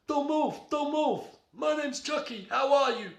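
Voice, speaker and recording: A man voicing a small, menacing male killer doll with a high, squeaky, shouted delivery. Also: measured pace, gravelly, reverberant, exaggerated voice.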